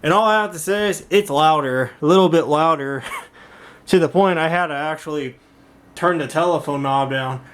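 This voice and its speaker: In a clearly noisy room full of clicks, a man with a fairly high, somewhat bright voice demonstrates things across his home rooms and workshop. He speaks at a moderate pace, hosting the video informally and rambling in fits and starts.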